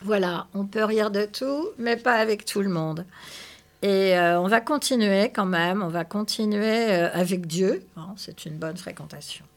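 A woman's voice: mid-range voice, unhurried. Hesitant woman presenting a reading show. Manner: hesitant, full of filler sounds. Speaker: host. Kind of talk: casual radio presenting.

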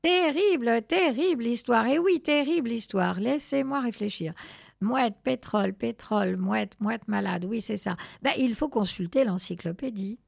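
Chat je-sais-tout affolé et pédant, voix aiguë et éraillée, jouée par une femme, conte lu. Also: female voice, moderate pace, gravelly, no room sound, clean studio sound. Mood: alarmed. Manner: repeats "terrible" in high exclamations. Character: fretful know-it-all male cat, dramatic.

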